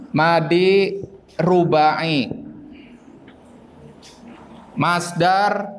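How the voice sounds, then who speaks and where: A male teacher works through a grammar lesson at an unhurried pace. He keeps asking his class questions and then answers them himself. His voice sits a bit high, with a faint hiss in the background. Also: low-quality recording. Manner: slow and deliberate, explains with questions to the class.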